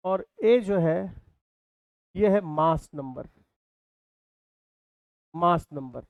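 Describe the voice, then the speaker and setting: A man's voice: a little high, animated, drawn-out words, no room sound, highs cut off. A man teaching a physics class in speech, repeating key terms and asking his students questions. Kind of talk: classroom lecture.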